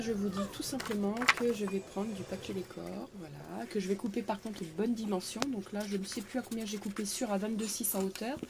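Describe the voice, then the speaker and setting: A middle-aged woman congested with a cold narrates a casual craft tutorial from her living room, her medium-pitched voice gravelly and stuffy over steady background noise. Chatty and full of fillers, she keeps repeating set phrases like "tout simplement" and "voilà."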